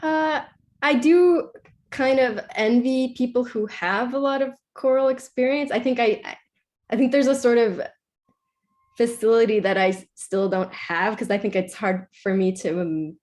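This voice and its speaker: A young Icelandic composer answers interview questions casually and chattily, peppering her speech with "like" and correcting herself often. Her voice is on the high side, a little mellow, at a moderate pace.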